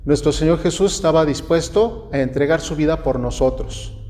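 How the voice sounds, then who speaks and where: A man with a Mexican accent preaching a sermon, speaking deliberately, asking rhetorical questions and often restarting his phrases. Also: a little high, warm tone, long reverb tail. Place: church.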